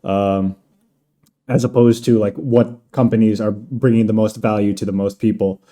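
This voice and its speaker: A man's voice: lowish voice, steady tone, normal speed, dark tone. A man hosting a podcast, chatting casually and rambling with lots of fillers. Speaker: podcast host. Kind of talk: casual chat.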